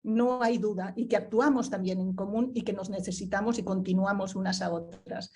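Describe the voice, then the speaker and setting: Speaking at a moderate pace with a steady, medium-pitched tone, this mellow-voiced woman from Barcelona gives a book presentation on a panel. She's thoughtful, often pausing to find words, filling gaps and adding tag questions.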